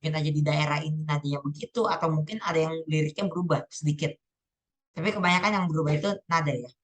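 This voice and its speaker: Over poor-quality audio, a low-pitched teenage girl rattles through a casual spoken review of exam answers at a quick pace. She reasons aloud as she goes and keeps catching and fixing her own mistakes.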